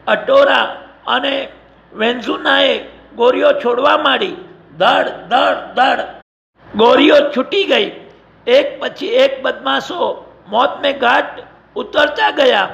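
Slow, gravelly high-voiced male storyteller. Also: a bit bright, muffled recording. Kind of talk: scripted adventure narration.

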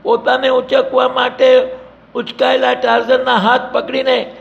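A man's voice: very high voice, completely flat delivery, unhurried, gravelly, fairly bright tone. A man narrating an adventure story in a vivid, emphatic storytelling manner. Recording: dull lo-fi recording.

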